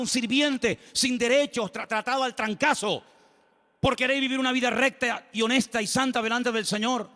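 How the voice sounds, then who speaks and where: A man preaching a sermon as pastor, telling the story dramatically with folksy humorous asides. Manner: dramatic storytelling with shifting pitch and loudness. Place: church hall. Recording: long hall reverb.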